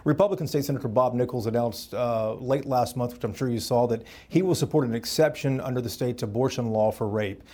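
A man's voice: mid-range voice, a little fast, few pauses, mellow, dry recording. A man with an American accent, a podcast host and political reporter who speaks conversationally as he narrates and interviews.

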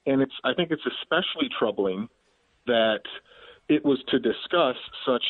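Male activist guest, phone-in, husky and lowish, tinny line, emphatic. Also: lively intonation, normal speed, dry recording. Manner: emphatic, indignant. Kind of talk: phone interview.

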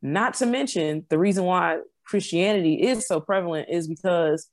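A woman's voice: on the low side, moderate pace, no echo. A woman in casual conversation, explaining her views earnestly and often stopping to restart a phrase.

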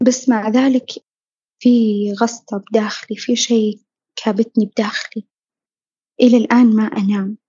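A woman earnestly telling her own story, reflective and at times dropping to a soft near-whisper. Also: a little high, steady tone, normal speed, pauses often, husky, no echo, lo-fi sound. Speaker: podcast guest sharing her story. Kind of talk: personal storytelling.

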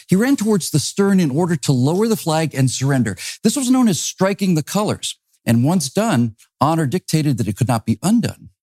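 A man narrating a naval history story in a scripted, dramatic storytelling manner with wide pitch swings. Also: a little mellow.

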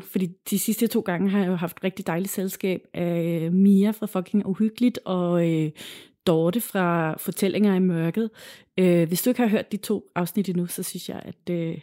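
A woman's voice: on the low side, dark tone. A Danish woman hosting a podcast in a casual, cosy storytelling manner, chatting informally to listeners about spooky tales. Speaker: podcast host.

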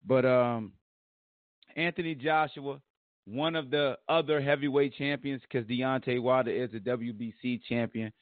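An American man with a hoarse voice hosts a sports podcast, talking casually in a blunt, animated, slangy way with some swearing. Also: mid-range voice, measured pace, no room sound, phone-quality sound. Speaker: podcast host.

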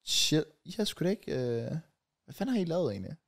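A man's voice: a little high, very animated. A young man, chatting casually about football as a co-host, swearing and dropping in English phrases.

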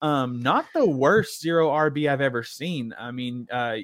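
An easygoing man talks through his views as a co-host, measured and full of small ums and pauses. His voice is in a middle register, recorded dry and close to the mic. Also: medium pitch, animated, no room sound. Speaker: fantasy football co-host. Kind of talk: casual live-stream chat.

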